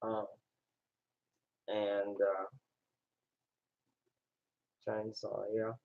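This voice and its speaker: A man's voice: fairly low pitch, monotone, drawn-out words, gravelly. A man chatting casually in a rambling, hesitant way, as if thinking aloud. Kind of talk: casual chat. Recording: dull lo-fi sound.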